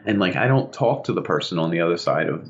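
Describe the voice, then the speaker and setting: Animated man on a lo-fi podcast. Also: fast, vocal fry. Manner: animated storyteller, bursts into high laughing impressions. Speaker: podcast co-host. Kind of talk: casual chat. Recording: dull lo-fi podcast audio.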